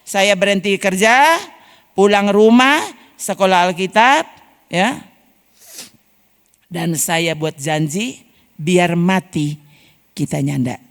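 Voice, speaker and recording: A woman's voice: mid-range voice, a bit bright. A woman pastor with a Manado Malay accent, telling a personal testimony in a sermon and often addressing the congregation. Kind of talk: storytelling sermon. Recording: long hall reverb.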